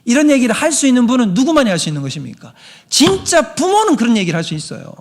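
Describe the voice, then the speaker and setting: A man's voice: very high voice, very fast. A middle-aged male pastor preaching a sermon, telling stories and acting out the voices in them. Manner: animated storytelling preacher, acts out voices in quotes.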